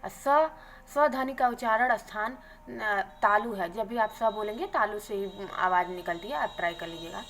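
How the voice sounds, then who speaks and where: A woman teacher going briskly through exam questions and their answers, adding a quick "okay" after each answer. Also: medium pitch, a bit bright, a little hiss or hum, low-quality recording. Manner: brisk, adds "theek hai" after answers.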